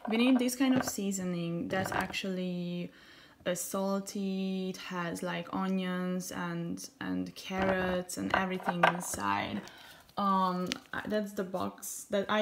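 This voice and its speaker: A woman's voice: lowish voice, expressive, unhurried, creaky, noisy background. Chatty young Hungarian woman cooking. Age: young adult. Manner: chatty, enthusiastic, fillers like "like" and "uh". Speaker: cooking vlogger. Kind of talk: casual cooking tutorial.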